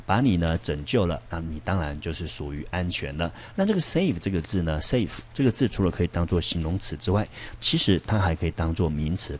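A man teaching English vocabulary in Taiwanese Mandarin, explaining words with animated emphasis and frequent fillers. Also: a little hiss or hum. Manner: animated, with sudden high-pitched emphasis and frequent "so then" fillers.

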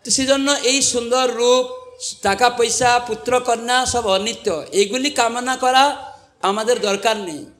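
Guy with a really high voice giving a sermon, keeps firing questions at the crowd. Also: fairly bright tone. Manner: rhetorical questions to the crowd, quoting scripture. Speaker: monk preacher. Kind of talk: devotional sermon to a live audience.

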